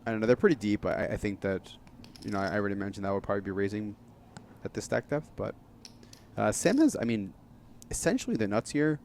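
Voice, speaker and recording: A man's voice: on the low side, expressive, fast, vocal fry, a little mellow, a little hiss or hum. A man with a New York accent giving casual, analytical live poker commentary. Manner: casual, analytical, restarts often.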